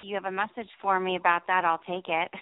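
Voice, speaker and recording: A woman's voice: fairly low pitch, level tone, normal speed, no echo. A friendly, polite woman from New Jersey, calling in to a radio show and chatting casually with the host over the phone. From New Jersey, USA. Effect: heard over a phone line on a radio show. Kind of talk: casual call-in chat. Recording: tinny dry phone line.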